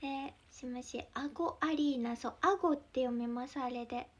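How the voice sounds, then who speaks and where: A young woman with a Mie dialect accent, chatting casually on a livestream, giggling often and sometimes dropping into soft whispers. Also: high voice, normal speed. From Mie Prefecture, Japan. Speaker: idol livestreamer.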